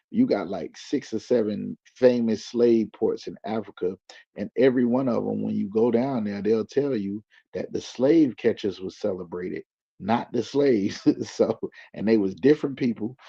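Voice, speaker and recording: A man's voice: on the low side, vocal fry, warm tone, breathy edge. A man speaking as a guest in loose slang, building his points like a preacher. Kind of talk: casual explaining. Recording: dull lo-fi recording.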